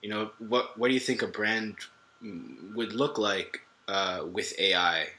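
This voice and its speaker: A man's voice: on the low side, a little slow, pushed and bright. A man hosting a podcast interview, asking questions tentatively and hesitantly, with fillers. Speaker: podcast host. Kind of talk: conversational interview.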